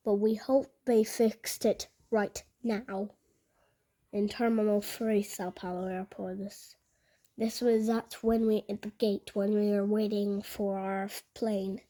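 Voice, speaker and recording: A woman giving casual vlog commentary in a halting, repetitive way, often restating her phrases. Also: medium pitch, fairly even intonation, warm tone. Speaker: video narrator.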